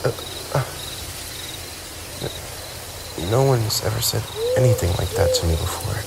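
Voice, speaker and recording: Here the man's low, gravelly vampire sounds shy and touched, speaking animatedly and a little fast in formal, theatrical, wistful phrasing with sighs. The character is a lonely, brooding tsundere male vampire, centuries old, with wounded pride, delivering an ASMR roleplay monologue to the listener. The recording is very noisy, full of nighttime crickets and owls.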